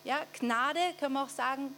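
Austrian woman preaching a lively sermon. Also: high-pitched, moderate pace. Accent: Austrian German. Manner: conversational, asks the audience for assent. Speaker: pastor. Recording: faint mains hum.

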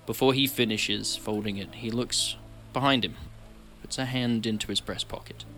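A man narrating a tabletop fantasy game in steady, descriptive storytelling. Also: fairly low pitch, moderate pace, faint music behind.

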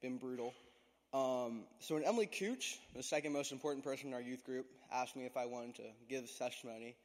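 A man's voice: mid-range voice, fairly quick, darkish tone. A teenage American male gives a prepared church testimony with a self-deprecating, joking manner. His speech has a lisp from an overbite appliance. The voice rings out with long reverb in a large hall. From Florida, United States. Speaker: student giving a testimony at church youth service.

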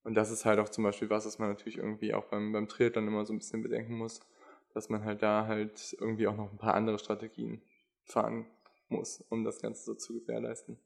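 A man's voice: on the low side, monotone, quick pace, creaky. A young man explaining physiology in casual chat, hesitant and full of fillers. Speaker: podcast co-host, endurance athlete.

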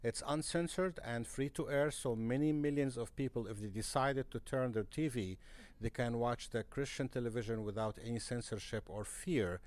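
A man's voice: medium pitch, darkish tone, dry recording. A man from Egypt, a guest in a podcast interview, speaking earnestly and restarting his phrases often. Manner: earnest, halting with frequent restarts. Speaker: guest, missionary broadcaster. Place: conference center.

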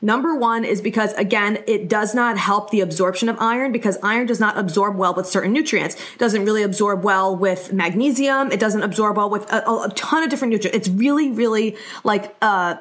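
A woman's voice: medium pitch, brisk, hardly any pauses, a bit bright. A young woman hosting a podcast, giving advice in a casual, chatty and informal way as she explains things. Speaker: podcast host.

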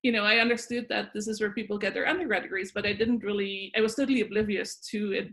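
Woman in her 40s, Dutch accent, podcast guest, reflective and halting, mid pitch. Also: steady tone, a bit bright. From Netherlands. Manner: thoughtful, many fillers and restarts. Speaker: guest, psychology professor. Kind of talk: interview answers.

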